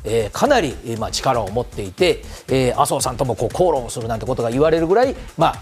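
A man's voice: mid-range voice, lively intonation, fast, faint music behind. A man explaining politics on a TV talk segment, polite and formal, with many fillers. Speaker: political commentator.

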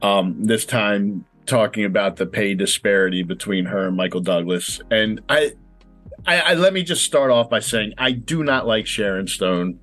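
A man's voice: lowish voice, lively intonation, moderate pace, a bit bright, soft background music. A man chatting as a podcast panelist, opinionated and rambling, with frequent hesitations. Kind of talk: casual podcast chat.

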